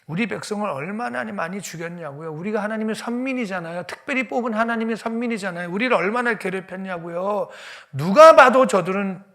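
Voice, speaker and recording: Indignant prophet, adult male, voiced by a male preacher, shouting high and bright. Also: a little fast, hardly any pauses. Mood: angry protest. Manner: high-pitched, loud, pleading protest. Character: indignant prophet Jonah, a man ranting at God.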